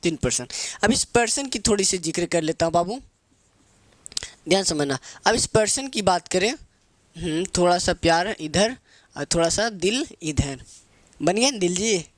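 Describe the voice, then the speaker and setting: A man's voice: sits high, expressive, normal speed, pauses often, no room sound. A man teaching grammar in a playful, joking way, asking questions and answering them himself. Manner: asks questions and answers himself, calls viewers babu.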